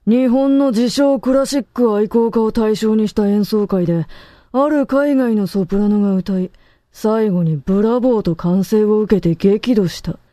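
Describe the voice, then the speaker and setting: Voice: mid-range voice, normal speed, dark tone, no room sound. A co-host who delivers stern, lecturing verdicts in short declarative sentences. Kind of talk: terse authoritative pronouncements.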